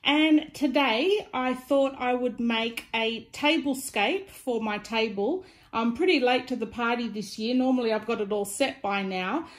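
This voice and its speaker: High-voiced Australian woman with an aligner lisp. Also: unhurried, hardly any pauses. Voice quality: slight lisp from wearing clear retainer-style aligners. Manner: informal, chatty demonstrating while handling items. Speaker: DIY craft vlogger. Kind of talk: casual craft tutorial.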